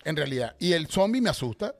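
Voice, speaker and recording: A man's voice: on the high side, very animated, quick pace, no echo. A man hosting a sex-talk show who jokes, teases and laughs often with his co-host. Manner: jokey, teasing, laughs often.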